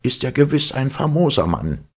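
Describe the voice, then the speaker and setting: A man voicing a nervous, excitable young servant who talks to himself. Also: mid-range voice, moderate pace, breathy edge, voice pushed up. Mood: anxious excited.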